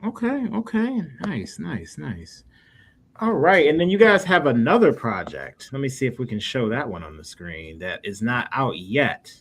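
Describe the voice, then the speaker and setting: Chatting informally with guests on a casual livestream interview, this podcast host and interviewer is very animated. His mid-range voice has a fairly bright tone and a moderate pace. The recording carries noticeable background noise.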